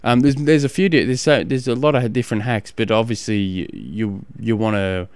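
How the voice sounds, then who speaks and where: Smooth low-voiced Australian man, halting. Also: fairly even intonation, a little mellow, no room sound. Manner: halting, repeating phrases as he explains. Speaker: endurance coach and podcast host. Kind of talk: casual advice podcast talk.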